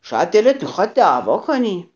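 A woman voicing a grumpy, quarrelsome little ladybug in a children's storybook tale, gruff, loud and hasty. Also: on the low side, big pitch swings, lo-fi sound.

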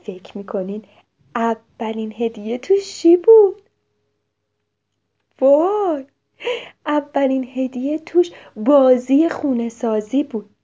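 A woman narrating a children's story, speaking to the kids directly and often dropping into soft whispers. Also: high-pitched, pauses often. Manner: animated, drops into soft whispers, asks the children questions. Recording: slightly dull lo-fi recording.

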